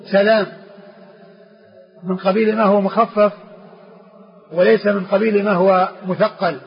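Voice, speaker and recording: A sheikh explains a classical text to students in a high-sitting, husky voice, repeating phrases and restarting words as he teaches. The lecture recording is dull and lo-fi, with faint noise.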